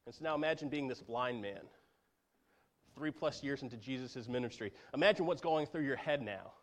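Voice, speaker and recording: A man preaching an earnest sermon, often dropping to a hushed voice for emphasis. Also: mid-range voice, moderate pace. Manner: earnest, drops to a hush for emphasis. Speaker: pastor.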